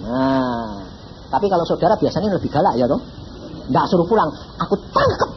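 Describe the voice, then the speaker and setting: Man, evangelist preacher, lively storytelling, clear background noise. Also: on the high side, brisk. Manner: animated storyteller acting out dialogue. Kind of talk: sermon testimony. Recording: dull lo-fi recording with clear noise.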